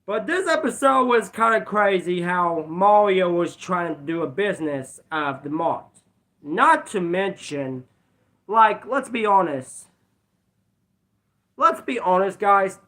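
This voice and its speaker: A video reviewer with a high, bright voice chats through a casual episode review vlog, his pitch swinging widely. He rambles, repeats himself, keeps saying "let's be honest," and pauses now and then for bouts of coughing.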